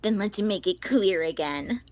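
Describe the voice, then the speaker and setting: A woman's voice: mid-range voice, expressive, unhurried, a little mellow, close to an everyday voice. A woman voicing a mischievous, lying teenage boy in a fan voice-over of a game, smug and teasing.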